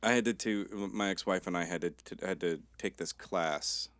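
A man in his thirties with a rough, tired-sounding voice, chatting as a podcast co-host in a laid-back, joking way. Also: deep voice, moderate pace, a bit bright, no room sound. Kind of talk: casual chat.

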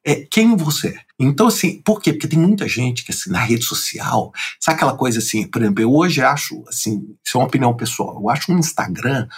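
Lively husky man. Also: medium pitch, quick pace, few pauses. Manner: animated, lots of filler words. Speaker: guest. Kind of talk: casual interview storytelling.

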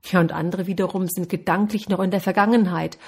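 Woman, success coach; warm, slightly husky voice, earnest and encouraging. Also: lowish voice, steady tone, fast talker. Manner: earnest, encouraging, speaks directly to listeners. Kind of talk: motivational talk.

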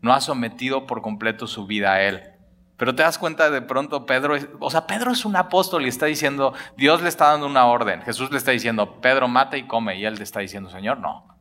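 A man preaching, his voice bright and forceful. He talks animatedly and colloquially, acting out the dialogue as he explains scripture. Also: mid-range voice, fairly quick. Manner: animated, acts out dialogue, colloquial Mexican slang. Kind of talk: lively sermon on scripture.

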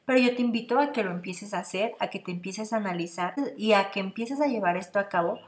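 A woman's voice: mid-range voice, fast. A woman hosting a parenting podcast, talking earnestly and straight to the listener, repeating phrases for emphasis. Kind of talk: casual advice monologue.

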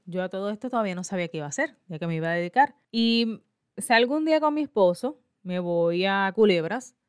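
A woman's voice: mid-range voice, fast talker, clean tone, dry recording, studio quality. A woman in her forties with a Puerto Rican accent, a school librarian telling her own story to listeners and acting out both sides of her conversations. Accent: Puerto Rican Spanish. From Puerto Rico. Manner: lively, acts out both sides of her dialogues. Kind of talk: personal storytelling to an audience.

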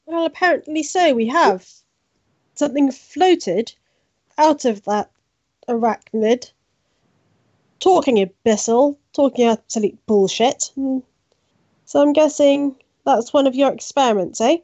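A woman's voice: sits high, measured pace, pauses often, warm tone, no echo. A woman player in a tabletop game, speaking in a playful way. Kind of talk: tabletop role-play chat. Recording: dull, dry lo-fi mic.

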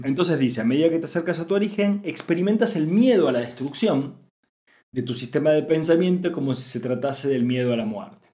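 A man's voice: medium pitch, a little mellow, reverberant. A man in his thirties with an Argentine Spanish accent, giving an earnest, searching spiritual talk as a podcast host, with many fillers and asides. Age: 30s.

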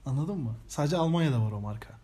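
A young man co-hosting a podcast, telling childhood stories in a casual, animated way and swearing freely. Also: medium pitch, fast, slight background noise. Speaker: podcast co-host. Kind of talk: casual comedic chat.

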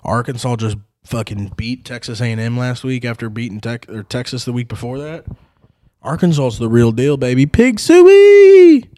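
A man's voice: medium pitch, a little fast, no room sound. A man hosting a sports podcast, chatting casually about football picks with rowdy, profane outbursts. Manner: rowdy, swearing, excitable outbursts.

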